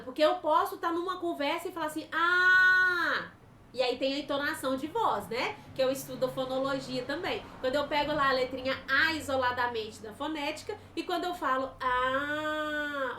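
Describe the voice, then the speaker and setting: Brazilian woman teacher, very high voice, lively and direct, echoey room. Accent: Brazilian Portuguese. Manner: lively, talks straight to students. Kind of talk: informal lecture.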